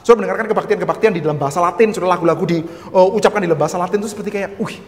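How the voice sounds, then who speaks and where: A man with a Javanese-tinged Indonesian accent teaching church history, talking quickly in a fairly high voice. He keeps addressing his listeners directly and slips in humorous asides. The sound carries a long reverb, as in a hall.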